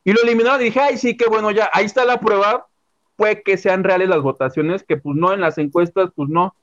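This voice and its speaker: Co-hosting a laid-back entertainment chat, this Mexican Spanish-accented man dishes dramatic gossip about a TV singing show. His voice sits high and a bit bright, with fairly even intonation and a slightly fast pace, captured in lo-fi sound.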